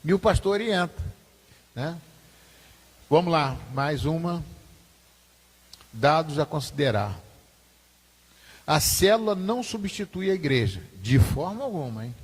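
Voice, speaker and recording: A male pastor teaches a Sunday school class in a loose, chatty way, repeating his points and checking in with listeners. His voice sits a little high and sounds husky. The long reverb of a church hall trails behind his words. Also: sing-song, unhurried, pauses often. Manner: informal, repetitive, asks the class questions.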